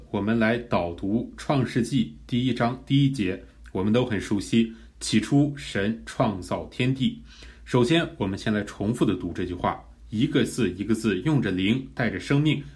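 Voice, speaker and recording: A man preaching a teaching sermon, earnest and measured, explaining a practice of prayer step by step. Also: lowish voice, animated, a little mellow. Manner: earnest, measured, rising in fervor during prayed examples. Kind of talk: teaching sermon on pray-reading scripture.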